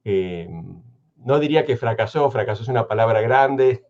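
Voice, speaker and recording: A man with an Argentine Spanish accent, speaking as a guest historian in a thoughtful radio conversation, measured and hesitant, with many restarts. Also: medium pitch, darkish tone, muffled recording.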